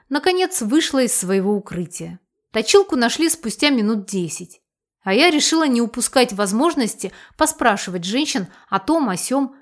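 Woman narrating a story, fairly high voice. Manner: lively storytelling. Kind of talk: first-person audiobook narration.

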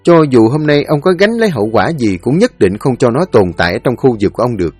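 Expressive male storyteller. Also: mid-range voice, fast, husky, no echo. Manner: expressive, dramatic. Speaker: narrator. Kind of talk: storytelling narration. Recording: dry studio voice over faint music.

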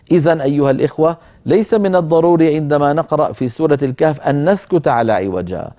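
A male recitation teacher hosting a televised lesson, with a mellow, warm voice. He explains in a measured way and stops to model the recitation slowly. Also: fairly high pitch. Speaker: Quran recitation teacher, program host.

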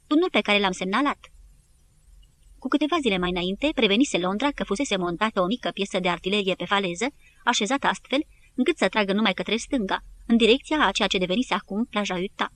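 A woman's voice: medium pitch, fairly bright tone, slight background noise. Woman narrating an audiobook. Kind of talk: scripted narration.

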